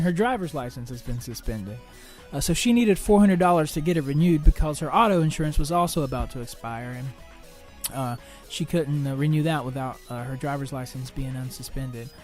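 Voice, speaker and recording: A young man hosting a podcast, talking through personal troubles in a halting monologue full of restarts, fillers and swearing. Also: fairly high pitch, a little mellow. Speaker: podcast host.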